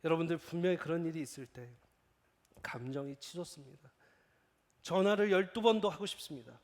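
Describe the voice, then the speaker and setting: A male pastor giving a sermon in a lively, jokey preaching manner. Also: fairly high pitch, a little fast. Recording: echoey church hall.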